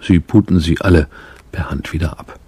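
A man hosting a radio program, narrating calmly and paraphrasing a guest's words. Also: deep voice, moderate pace, breathy edge, no room sound, faint music behind. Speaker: radio host.

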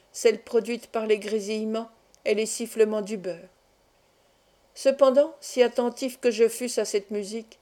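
A woman reading a classic novel aloud as an audiobook, in steady, measured storytelling. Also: fairly high pitch. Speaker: audiobook reader. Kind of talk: scripted narration of a novel.

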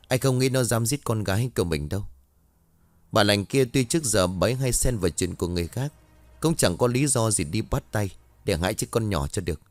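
A man reading a village ghost story aloud in a steady, even narration. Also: fairly low pitch, dry recording.

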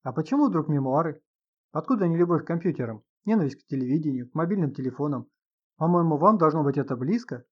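A man voicing a calm, polite psychotherapist who asks probing questions in an audiobook reading. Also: fairly high pitch, quick pace, husky, lo-fi sound.

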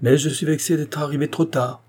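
A man reading an older, lively country doctor in an audiobook, speaking briskly and emphatically. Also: fairly high pitch, husky, voice pushed up. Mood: courteous.

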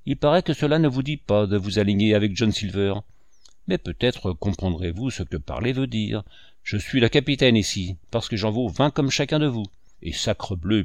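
A man voicing a scheming old pirate captain who talks in a gruff, commanding and threatening way, for a read-aloud novel. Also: lowish voice, a little mellow, dry recording.

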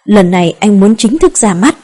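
A woman narrator voicing a calm young man who speaks gently and teases his partner in an audiobook. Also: medium pitch, moderate pace, lightly acted. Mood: gentle. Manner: soft, gentle.

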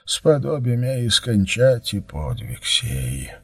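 A man voicing a captive middle-aged prince who prays in a quiet, hoarse whisper. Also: mid-range voice, very animated, no room sound, distant mic, exaggerated voice. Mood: hushed prayer. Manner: quiet, slow, devout.

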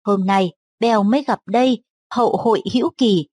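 A woman's voice: mid-range voice, moderate pace, a little mellow, husky, dry recording, natural voice. A woman reading the lines of an elderly, courtly host in a storybook, in a formal and gracious way. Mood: warm, courtly.

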